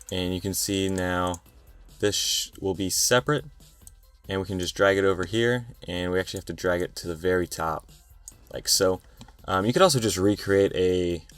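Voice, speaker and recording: A young man with a very low, deep voice talks through a software design tutorial in a tired, loose, rambling way. Faint music plays quietly under him, with the clack of keyboard typing. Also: no room sound. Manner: tired, relaxed, rambling with fillers. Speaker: tutorial host. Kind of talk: screen-recorded software tutorial.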